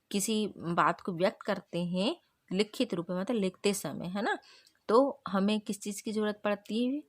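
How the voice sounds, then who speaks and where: A woman teacher leads a grammar revision lesson, putting questions to her class and then answering them herself. Her voice sits a little low and sounds close and dry, with no room echo.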